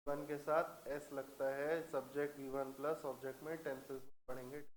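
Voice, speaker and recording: A man teaching English grammar in a classroom, who dictates example sentences slowly and keeps asking the class if it is clear. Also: mid-range voice, level tone, roomy sound, rough recording.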